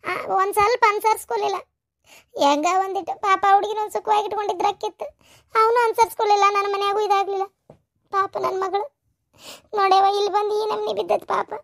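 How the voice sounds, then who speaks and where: A woman's voice: very high-pitched, level tone, fairly quick, gravelly, a bit bright, heavily acted. A woman voicing a grieving, complaining mother with a North Karnataka Kannada accent in a cartoon story. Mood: lamenting. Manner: lamenting, complaining. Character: grieving middle-aged mother, bitter and lamenting.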